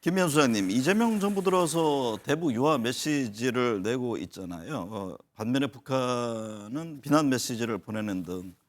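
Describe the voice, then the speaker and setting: Male news anchor moderating a panel. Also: mid-range voice. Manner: brisk questions, frequent short acknowledgements. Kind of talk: TV current-affairs moderation.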